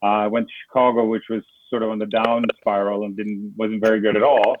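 A man's voice: lowish voice, level tone, fairly quick, over a noisy crowd. A middle-aged man from Sweden, chatting as a guest in an interview and rambling with many fillers and restarts. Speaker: guest, foundation founder. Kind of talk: casual interview over a call. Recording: tinny phone-like line with noise.

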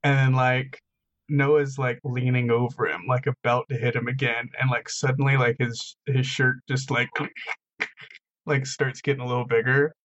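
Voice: medium pitch, little pitch movement, normal speed, fairly bright tone, dull audio. Rambling tabletop player. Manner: rambling, many "like" fillers. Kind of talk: tabletop role-play, describing his character.

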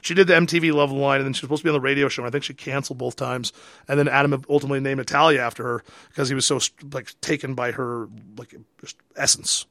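Man, podcast co-host, rapid and gravelly, joking gossip, dry studio mic. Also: mid-range voice, fairly even intonation, a bit bright, no room sound. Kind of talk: casual chat.

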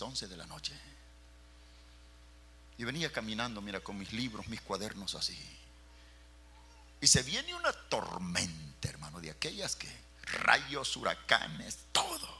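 A man's voice: medium pitch, sharp tone, slight background noise. A man, a pastor telling a personal story in a fervent, dramatic sermon, calling his listeners brother.

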